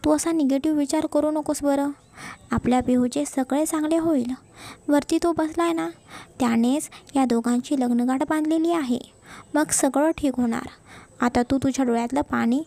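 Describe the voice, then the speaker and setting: Woman voicing a calm reassuring father. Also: sits high, moderate pace, creaky. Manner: reassuring, steady. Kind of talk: storybook narration.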